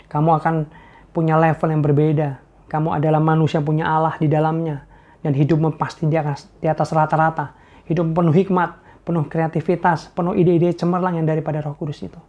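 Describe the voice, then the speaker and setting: A man's voice: fairly high pitch, mellow. A man with an Indonesian accent preaching a youth sermon, telling a story and speaking straight to his listeners, then closing in prayer. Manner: storytelling, earnest, addresses listeners directly. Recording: dull lo-fi sound.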